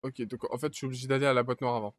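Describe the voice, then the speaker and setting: A man's voice: mid-range voice, fairly even intonation, racing. A young man streaming a game, talking to himself as he plays, breaking into panicky yelps and curses. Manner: panicky yelps and shouts, swearing, talks to himself. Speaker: gaming streamer. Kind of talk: casual let's-play commentary.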